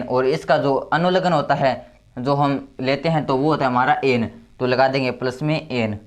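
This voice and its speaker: With a slightly high voice, a male tutor walks through chemistry step by step. He repeats his key terms and slows down to count items aloud one by one.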